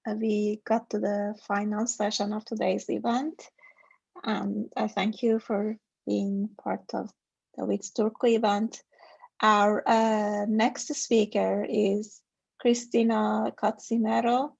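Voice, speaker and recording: A woman hosts an online event and introduces the next speaker, reading a bio with small hesitations. Her voice is higher than average with gravelly fry and a husky edge. The sound is dull and dry. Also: dry recording. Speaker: event host.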